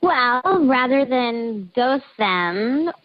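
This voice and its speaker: A woman calls in to a radio show, her voice run through a voice changer. She sounds nervous and giggly and hesitates often. Her voice sits fairly high, and the sound is dull. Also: lively intonation, drawn-out words. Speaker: caller.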